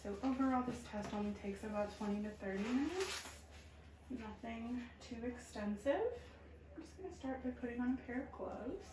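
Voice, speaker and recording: A woman doing a soft-spoken ASMR role-play as a medical examiner, calm, reassuring and procedural. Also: on the high side, normal speed, a crowd in the background. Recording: roomy echo, faint background noise.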